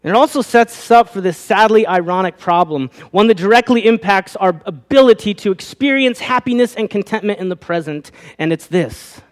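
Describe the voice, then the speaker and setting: A man's voice: sits high, a little fast, few pauses. A pastor preaching a sermon, asking his listeners rhetorical questions, his voice rising and falling. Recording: long reverb of a hall.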